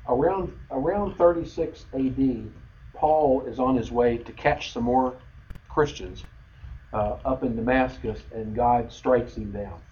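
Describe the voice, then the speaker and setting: A man's voice: mid-range voice, unhurried, dark tone. A man giving an unscripted bible history lesson, rambling with frequent fillers and restarts. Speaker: bible study teacher. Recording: dull lo-fi recording with faint noise.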